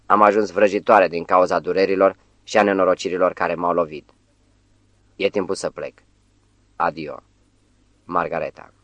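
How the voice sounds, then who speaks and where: An exultant young woman freshly turned witch, in an audiobook, as a male reader voices her. The tone stays low and deep, with a dry, close sound and no room around it. The voicing is light, near plain reading. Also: steady tone, long pauses, fairly bright tone, dry recording.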